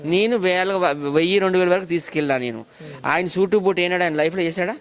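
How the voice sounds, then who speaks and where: A man, talking quickly and insistently about a grievance in an interview. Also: sits high. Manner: aggrieved, rapid and insistent. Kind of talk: casual interview talk.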